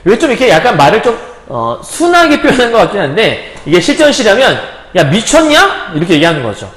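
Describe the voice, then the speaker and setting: Male teacher, bright high voice with wide swings, in an echoey room. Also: fast talker. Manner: acts out characters' lines in a lively voice; explains in plain casual terms, chuckles often. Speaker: Korean literature teacher. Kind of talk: recorded lecture on a classic novel. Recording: roomy echo.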